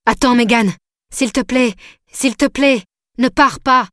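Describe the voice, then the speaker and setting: A jealous, heartbroken young man begs and whines, as a woman narrator reads his lines. His voice climbs higher as he pleads. The sound is dry and close, with no room around it. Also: steady tone, measured pace, no room sound, lightly acted. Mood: pleading. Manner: pleading, whiny.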